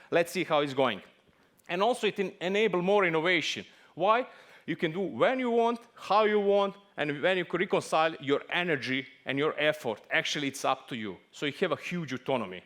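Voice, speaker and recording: A man from Serbia speaks with a Serbian accent and a voice pitched a bit above most men. His English is a second language, and his conference talk is lively and full of small jokes. He sounds middle-aged. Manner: lively, joking, non-native English phrasing.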